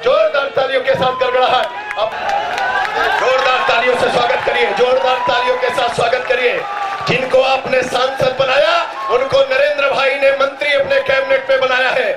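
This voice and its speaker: Very high-pitched male rally announcer. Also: monotone, moderate pace. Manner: repetitive, exhorting, reverential. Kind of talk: shouted political rally introduction. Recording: distant echoing rally PA, noisy crowd.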